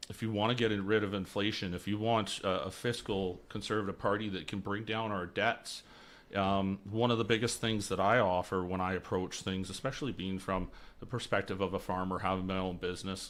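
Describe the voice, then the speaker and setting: A deep, fairly bright voice comes from a young election candidate from the Lower Mainland, British Columbia. He earnestly answers interview questions in a radio studio, restarting words as he searches, with a studio mic on a boom arm picking him up.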